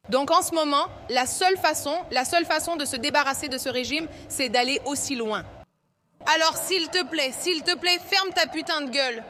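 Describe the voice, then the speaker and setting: A woman's voice: high-pitched, bright, forceful tone, a little hiss or hum. A woman from Iran being interviewed at a street protest, speaking passionately and bluntly.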